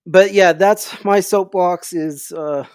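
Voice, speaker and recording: A man's voice: high-pitched, slow, darkish tone, clean tone, no room sound, clean studio sound. A man co-hosting a podcast, talking easygoing in casual chat. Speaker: podcast co-host.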